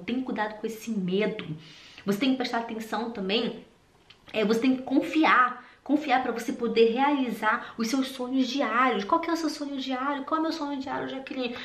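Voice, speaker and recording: Casting: expressive woman storyteller from Brazil, bright higher voice, roomy echo. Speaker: vlogger. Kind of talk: personal storytelling and encouragement.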